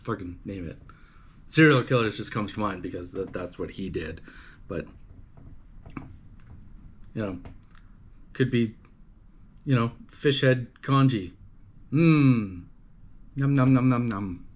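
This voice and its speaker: A man's voice: lowish voice, measured pace, pauses often, a little hiss or hum. A man from Canada casually chatting to his livestream viewers, rambling and swearing, with lots of fillers and restarts. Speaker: livestream host. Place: home livestream setup.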